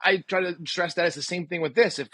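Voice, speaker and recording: A physical therapist in his forties appears as a podcast guest, opinionated and emphatic, leaning on rhetorical questions. His voice is bright, high and slightly rough, and he speaks quickly. The recording is close and dry with no room sound.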